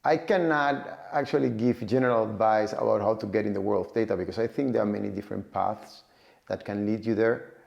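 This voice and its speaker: A Cuban man in his forties, with a Cuban accent, works in data and AI and talks casually to camera about how he got into tech, using many fillers and repeated words. His fairly low, darkish voice has vocal fry, and the recording sounds lo-fi.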